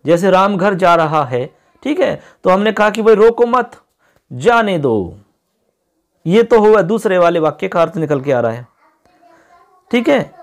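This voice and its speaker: A man with a fairly high voice, teaching an exam-prep grammar lesson. He explains step by step and keeps checking that the students follow along. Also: expressive, moderate pace. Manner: explanatory, often asks "ठीक है?".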